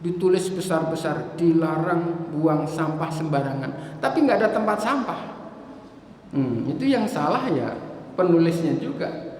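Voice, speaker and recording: A man preaching at a mosque study session, telling everyday stories and acting out parents and children in lively little scenes. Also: a little high, unhurried, a little hiss or hum. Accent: Indonesian. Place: mosque hall. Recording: echoey hall reverb.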